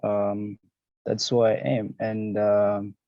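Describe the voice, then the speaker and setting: A young Zambian fashion designer, who also hosts a podcast and radio show, answers interview questions in an easygoing way, using lots of fillers and "you know, man." His lowish voice is flat and slow. The sound is dull and lo-fi with no echo.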